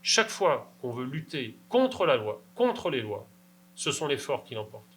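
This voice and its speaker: Emphatic bright-voiced male lecturer. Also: medium pitch, big pitch swings, normal speed, low-quality recording. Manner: emphatic, insistent, rhetorical "d'accord?". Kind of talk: academic Q&A answer.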